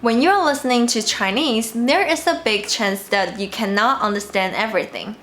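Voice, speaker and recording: A woman with a fairly high voice gives a scripted language lesson. She explains each point clearly and deliberately, as a teacher speaking to learners. A faint hiss sits under her voice. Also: fairly bright tone. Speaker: Mandarin teacher and channel host.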